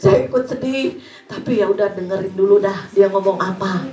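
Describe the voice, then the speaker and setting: A woman's voice: mid-range voice, normal speed, dark tone, reverberant, a little hiss or hum, low-quality recording. A woman giving a sermon at a church service, telling stories and acting out prayers and conversations with strong feeling. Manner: storytelling, quoting prayers and dialogue with emotional swings.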